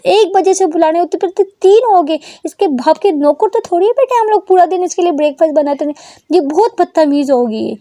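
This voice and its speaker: A woman voicing a loud, impatient middle-aged mother who nags and shouts. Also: very high voice, a little fast, dry recording, clean studio sound, voice pushed up. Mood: scolding. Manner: shouting, nagging.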